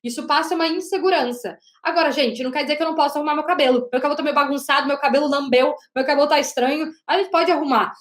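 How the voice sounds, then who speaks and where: A woman teaching an online lesson on body language as a communication coach, talking loudly and emphatically and often checking in with the audience. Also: sits high, rapid-fire, hardly any pauses. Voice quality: loud, projecting voice. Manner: emphatic, with frequent "né?" and "gente". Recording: roomy echo.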